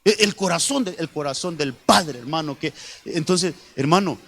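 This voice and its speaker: A man's voice: a little high, moderate pace, gravelly, fairly bright tone. A man preaching a sermon as pastor, often repeating himself and calling the listeners brother. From Honduras. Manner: repetitive, addresses congregation as brother.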